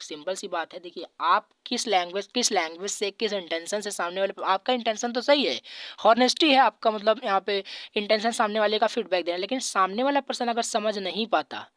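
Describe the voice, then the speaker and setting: A woman's voice: mid-range voice, dry recording. Woman lecturing, dry close sound. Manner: repeats points, mixes Hindi with English terms read slowly; frequent fillers and restarts, drops to a quieter voice at phrase ends. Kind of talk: exam-focused lecture.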